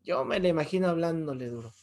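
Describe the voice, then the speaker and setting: A man with a Mexican accent, a pastor teaching a Bible lesson with lively stories and rhetorical questions to the audience. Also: a little high, fast. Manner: jokes and chuckles while telling stories.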